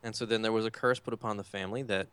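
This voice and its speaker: A man co-hosting a casual podcast, relaxed and joking, with an easygoing delivery. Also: on the low side, very fast, clear, resonant tone, no echo. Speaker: podcast co-host. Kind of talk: casual chat.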